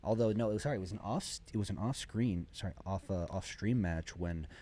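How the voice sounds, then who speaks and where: Over background music, a man casts a live video game match esports-style, talking at length through the plays and exclaiming over them. He's a commentator who also plays, with a lowish, mellow voice and a slightly quick pace.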